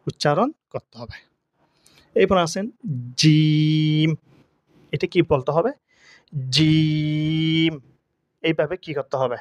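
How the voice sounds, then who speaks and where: Male Quran tutor with a Bangladeshi accent, unhurried, drilling letter sounds, asks and answers his own questions; slightly higher pitch, close dry sound. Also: lively intonation, dry recording. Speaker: Quran teacher. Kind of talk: slow Arabic letter pronunciation lesson.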